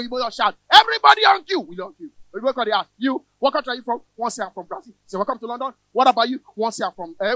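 A man with a Nigerian accent works a live cinema crowd in Pidgin and English. His voice sits very high and swings widely in pitch as he shouts his punchlines. The mic sound is dry and close, with a faint crowd behind him. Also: no room sound. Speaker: stand-up comedian. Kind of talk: stand-up comedy in Pidgin and English. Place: cinema hall stage with a live audience. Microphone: handheld mic. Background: audience laughter.

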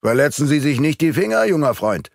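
Man putting on a sneering villain clerk, clipped and threatening, brisk lively delivery, dry close sound. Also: medium pitch, no echo, voice pushed up. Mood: mocking. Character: menacing, mocking male court clerk villain with a revolver.

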